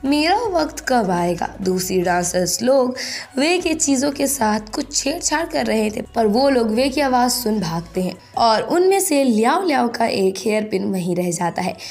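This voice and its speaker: A woman's voice: fairly high pitch, expressive, unhurried, a little mellow. A woman narrating a drama recap in a plain storytelling way, dropping English words in as she goes. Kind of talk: scripted plot recap narration.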